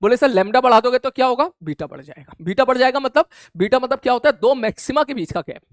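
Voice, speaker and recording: A man's voice: extremely high pitch, animated, quick pace, no room sound, studio quality. A man teaching a physics revision class in a chatty, informal way, often checking if students follow. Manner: casual, chatty, addresses students informally, keeps asking "clear?". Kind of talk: live online revision lesson. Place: online class studio.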